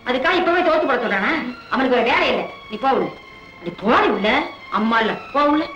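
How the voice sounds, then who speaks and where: A woman's voice: high-pitched, very animated, fairly quick, a bit bright, reverberant. Bossy older mother-in-law, scolding, dull old film audio with music. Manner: scolding, commanding. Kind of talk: 1980s film acting.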